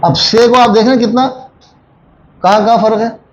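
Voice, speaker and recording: A man's voice: very high-pitched, fairly even intonation, fairly quick, muffled recording. A man teaching a Japanese grammar lesson to a classroom of students, repeating phrases and quizzing them with frequent questions.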